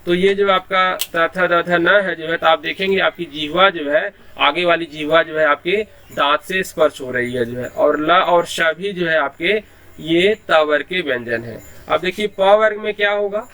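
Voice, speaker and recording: A man's voice: fairly high pitch, a little slow, sharp tone. A man teaching Hindi in an online class, explaining patiently and sounding out letters one by one, with a habit of repeating a filler phrase.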